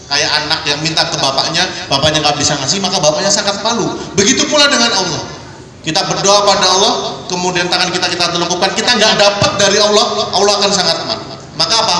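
A man's voice: high-pitched, pushed and bright, slight background noise. A young man giving an earnest, repetitive motivational seminar talk to students in a large hall. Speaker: seminar speaker. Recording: echoey hall from far off.

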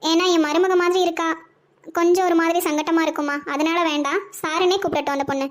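A woman's voice: very high voice, steady tone, quick pace. A woman voicing a fond, chatty elderly mother who dotes on young women and mutters to herself. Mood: doting. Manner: doting, sighing, talks to herself. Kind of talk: cartoon voice acting.

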